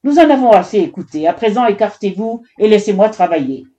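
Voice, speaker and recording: A woman's voice: on the high side, very animated, moderate pace, mellow, lo-fi sound, pitched above the performer's own voice. A woman reading a storybook, voicing a scornful male chief of woodcutters who barks orders. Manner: barking, dismissive.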